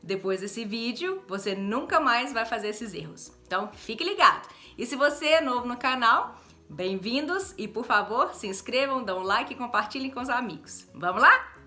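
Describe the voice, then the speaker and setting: A Brazilian woman teaching English in a casual online lesson, cheerful, laughing often and slowly drilling example phrases. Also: on the high side, expressive, bright, forceful tone, faint music behind. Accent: Brazilian Portuguese. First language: Portuguese.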